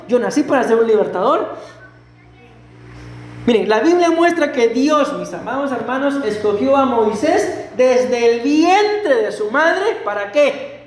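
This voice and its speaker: A middle-aged man preaching a sermon as pastor, animated and full of rhetorical questions to the congregation. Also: very high-pitched. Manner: acts out quoted voices and a stutter. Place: church sanctuary. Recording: echoey church hall.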